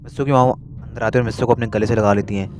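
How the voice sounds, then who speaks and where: Fast-talking man narrating a story. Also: fairly low pitch, steady tone, darkish tone. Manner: hurried, repetitive telling.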